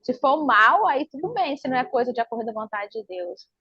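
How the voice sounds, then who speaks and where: A woman's voice: high-pitched, brisk, slightly rough, no echo. A woman with a Brazilian accent telling a personal church testimony to her pastor, acting out the dialogue as she goes. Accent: Brazilian Portuguese. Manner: lively storyteller acting out dialogue. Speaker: church member giving testimony. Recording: dull lo-fi dry recording.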